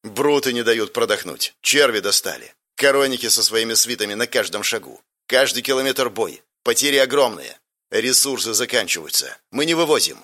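A man's voice: mid-range voice, expressive, normal speed, pushed and bright. A male reader voicing a weary, tough woman field commander who speaks in curt, hard-edged answers. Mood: tense.

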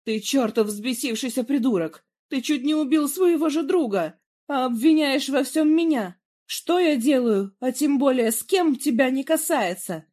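A reader voicing a proud, sharp-tongued young woman who yells accusations in a story reading. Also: high voice, expressive, normal speed, voice pushed up. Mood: furious. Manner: shouting, accusing.

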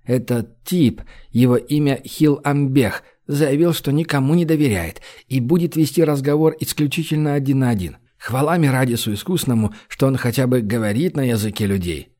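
A man's voice: mid-range voice, moderate pace, few pauses, mellow, lightly acted. A man voicing a kindly, pious male merchant who speaks earnestly and warns a friend.

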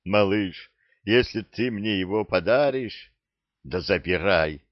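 A man voicing a sly older pirate captain who wheedles and coaxes in a gruff way. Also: fairly low pitch, lively intonation, slow, dry recording, highs cut off. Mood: wheedling.

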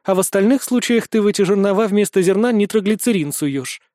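A man voicing a tired young woman student who speaks in a flat, quietly sardonic way. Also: high-pitched, fast talker, no echo, studio quality, pitched above the performer's own voice. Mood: wry, subdued.

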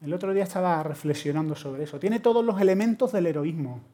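Man, Spanish accent from Spain, middle-aged, preacher, animated storytelling sermon, humorous. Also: fairly high pitch, fast.

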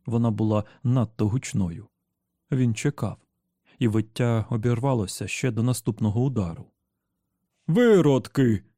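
A man narrating an audiobook in a steady, measured storytelling manner. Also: lowish voice, no room sound, studio quality. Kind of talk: scripted narration.

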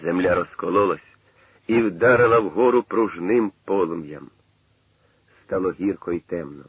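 A man with a deep, husky voice reads a novel aloud in a measured, dramatic way. The recording is dry and tinny, with the narrow sound of an old radio broadcast. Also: no echo. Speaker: narrator. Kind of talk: dramatic literary reading.

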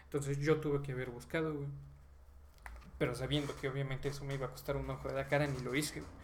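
Mexican male podcast co-host, gravelly, loose and rambling, heavy on fillers. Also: medium pitch, level tone, fast, a little hiss or hum. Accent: Mexican Spanish. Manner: rambling, many fillers and slang tags. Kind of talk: casual chat.

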